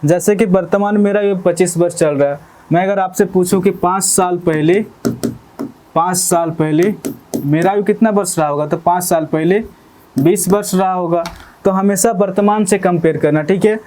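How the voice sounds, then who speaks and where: A man's voice: high-pitched, fairly even intonation, moderate pace, dark tone. A man teaching an exam-prep maths lesson, explaining step by step, repeating key phrases and checking in with his students often.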